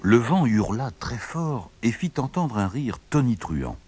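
A man's voice: medium pitch, sing-song, unhurried, a little mellow, slightly rough. A man narrating a children's fable in a theatrical storytelling style. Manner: theatrical, acts out each character. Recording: background music under the voice.

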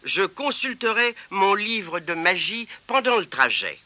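Storybook spider girl, squeaky, stammering, sprightly, put on by a man. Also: sing-song, measured pace, sharp tone, no echo, exaggerated voice. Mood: cheerful. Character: tiny shivering female magic spider.

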